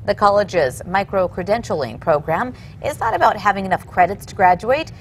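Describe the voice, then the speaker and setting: A woman's voice: medium pitch, expressive, a little fast. Female TV news anchor, mid-range voice, scripted read, faint noise behind.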